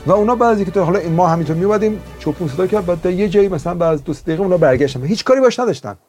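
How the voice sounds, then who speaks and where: A male self-help teacher giving an expressive motivational talk, his voice sitting slightly high and swinging widely in pitch. He slows down to stress a point, then rushes through the next. Faint music plays behind him. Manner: storytelling, emphatic, shifts between slow stresses and quick bursts.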